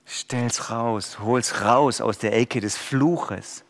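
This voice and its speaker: A man preaching a sermon, dropping to quiet and rising to loud pleading cries. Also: medium pitch, drawn-out words, in a large hall.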